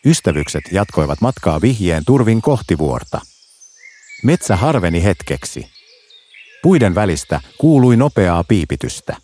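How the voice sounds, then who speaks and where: Man, children's story narrator, gentle, very low voice, lively melody.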